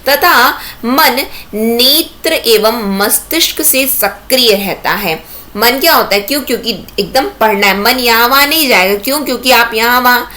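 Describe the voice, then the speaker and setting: Woman, teacher, exam-prep lecture, bright clear voice, slightly high, keeps asking rhetorical questions.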